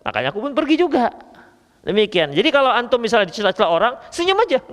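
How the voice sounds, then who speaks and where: A man's voice: high voice, fast talker, in a large hall. A man preaching a religious lecture in a casual, joking way with a Medan accent. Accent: Medan Indonesian. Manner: lively, joking, addresses listeners as ikhwah. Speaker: Islamic preacher.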